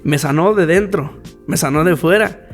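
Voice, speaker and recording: A man's voice: fairly high pitch, normal speed, soft background music. A man, co-hosting a podcast and sharing a faith testimony in casual chat, repeating key phrases for emphasis. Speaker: podcast co-host.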